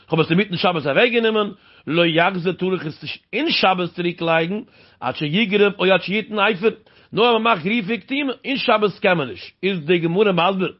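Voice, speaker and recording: A man's voice: high-pitched, normal speed. A man explaining a Talmud passage in a sing-song cadence, asking rhetorical questions along the way. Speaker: Talmud teacher. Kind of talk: Talmud study lecture. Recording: dull lo-fi recording.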